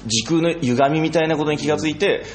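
A man's voice: on the high side, fast talker, a little hiss or hum. A man with a Fukushima accent hosting a podcast in a loose, rambling chat. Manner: lively, drawls in dialect. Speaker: podcast host. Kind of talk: casual chat.

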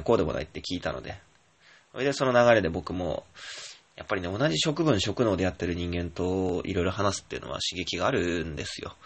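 A man's voice: deep voice, sharp tone. A man hosting a casual solo radio talk, rambling and self-mocking, with many fillers. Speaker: radio show host and theater director.

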